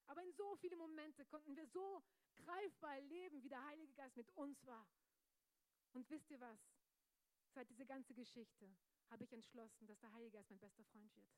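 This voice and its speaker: A woman pastor preaching a charismatic sermon with fervent repetition, putting direct questions to the congregation and mixing English words into her German. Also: high voice. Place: church service.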